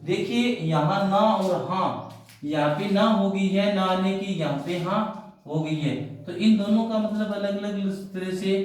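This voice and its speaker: A man's voice: high voice, a little slow. A man explaining a grammar lesson in a classroom style, often asking questions and answering them himself. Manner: repetitive, asks and answers his own questions. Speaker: teacher. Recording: very echoey room, mic far off.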